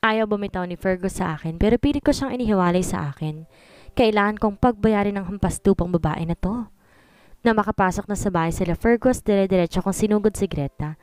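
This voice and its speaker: A woman's voice: medium pitch, a little mellow, clean tone, no echo. A woman narrating a dramatic first-person story in a scripted style, switching between Tagalog and English.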